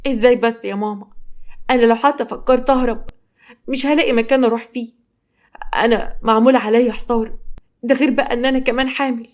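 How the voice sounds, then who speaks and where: A woman voicing a scared young wife, high pitched. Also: steady tone, fast, long pauses, darkish tone, lightly acted. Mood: pleading. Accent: Egyptian Arabic. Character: frightened pregnant young wife, trapped.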